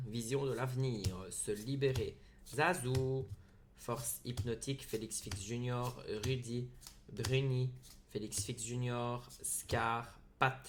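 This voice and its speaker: A man's voice: medium pitch, a little hiss or hum. Man rattling off card names casually. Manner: rattles off card names in lists, with brief excited asides. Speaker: card-opening video host. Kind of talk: casual narration of a card pack opening.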